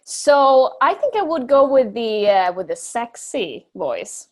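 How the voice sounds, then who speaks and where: Woman guest, high animated voice, unhurried and enthusiastic. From Sweden. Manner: warm laughs, enthusiastic replies. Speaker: podcast guest, health coach. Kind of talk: casual podcast chat.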